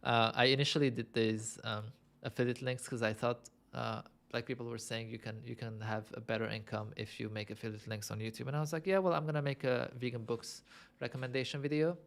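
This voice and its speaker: A young Lebanese man hosts a casual livestream, answering viewer questions in a chatty, self-amused way and thinking out loud with plenty of fillers. His medium-pitched voice is gravelly, level and brisk.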